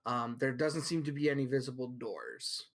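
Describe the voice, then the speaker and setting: A man with an ordinary mid-range voice runs the tabletop game as game master. He describes the scene and calls for rolls in a halting way, with frequent ums. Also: medium pitch. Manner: hesitant, lots of ums, reads out scene descriptions.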